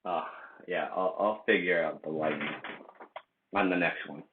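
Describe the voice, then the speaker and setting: A man's voice: sits low, moderate pace, background noise. A man in his late twenties from the United States, rambling through a casual vlog with lots of fillers and restarts. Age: late 20s. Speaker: vlogger. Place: indoor room. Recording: echoey room, tinny phone-like sound.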